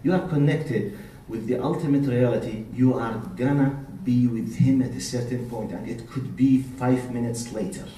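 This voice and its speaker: A man's voice: a little high, darkish tone. A man with a Jordanian Arabic accent, a native Arabic speaker, gives an emphatic Islamic lecture to a live audience, punctuating it with rhetorical questions and short checking tags. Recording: echoey, picked up from a distance.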